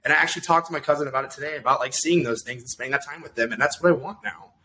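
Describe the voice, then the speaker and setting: A man's voice: medium pitch, racing, sharp tone, slight background noise. A man in his thirties, a podcast guest telling stories in loose, profane, rambling casual chat full of fillers. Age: 30s.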